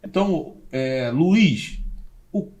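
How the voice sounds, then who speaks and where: A man hosting and moderating a podcast debate informally, in halting, repeated phrases. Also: a little high, animated, a little mellow.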